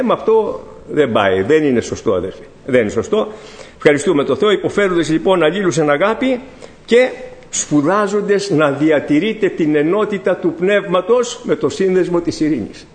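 Middle-aged guy preaching a sermon, kinda high voice, pushes hard then drops low. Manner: preaching to the congregation, rising and falling emphatic. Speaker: pastor.

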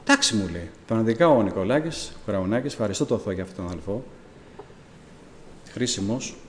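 Lively man giving church testimony in a reverberant hall. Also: lowish voice, slight background noise. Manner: animated storytelling, acting out dialogue.

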